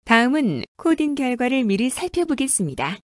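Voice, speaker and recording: A woman teacher giving a clear, scripted coding lesson narration. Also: high-pitched, normal speed, dry recording, studio quality. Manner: clear, even, instructive.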